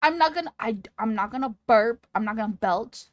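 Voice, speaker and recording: A woman livestreamer chatting casually with her audience in a cute, playful, excitable anime-streamer manner. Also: fairly high pitch, fairly quick, dry recording. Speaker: livestreamer talking to chat.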